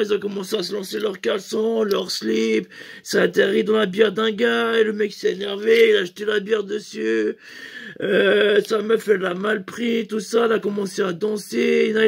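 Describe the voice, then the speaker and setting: A man's voice: sits high, gravelly, husky. A man telling a rambling, crude comic anecdote about a night at a bar, full of slang and fillers. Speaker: comedian.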